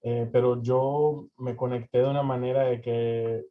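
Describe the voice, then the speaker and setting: A man's voice: medium pitch, flat delivery, unhurried. A young man from Venezuela answering interview questions, hesitant with many fillers and restarts. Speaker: interview guest. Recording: slightly dull lo-fi audio.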